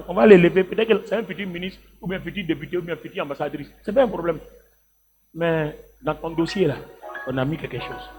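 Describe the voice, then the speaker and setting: A man preaches to his congregation. He drops to quiet asides, then rises to shouted exhortation. Faint music plays behind him. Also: high voice. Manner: animated, swings from hushed asides to shouted exhortation; talks directly to the congregation with many "hein" and "là" tags. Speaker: evangelist preacher. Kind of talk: sermon.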